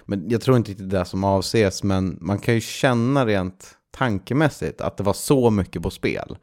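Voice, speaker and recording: A man's voice: fairly low pitch, darkish tone. A man co-hosting a casual music podcast, talking in a hesitant, searching way with many fillers and restarts. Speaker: podcast co-host.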